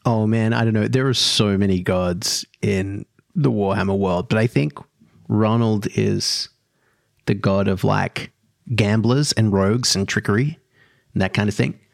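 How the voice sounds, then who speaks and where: A man's voice: lowish voice, measured pace, vocal fry, no room sound, clean studio sound. A man as game master, explaining rules in casual, filler-heavy chat.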